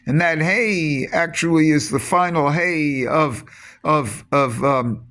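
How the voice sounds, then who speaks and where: A man giving a rambling spoken teaching on mysticism, halting often with restarts and repeated words. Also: on the high side, sharp tone.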